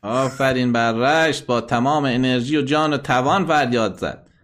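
A man's voice: mid-range voice, a bit bright. A man hosting a satellite call-in program, playing listener messages and bluntly scolding and insulting critics.

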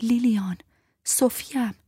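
A woman's voice: medium pitch, a little mellow, husky, no room sound, studio quality, voice pushed up. A woman reading an audiobook voices a desperate young woman prisoner who pleads urgently for help for her friend. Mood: alarmed. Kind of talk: audiobook character voice.

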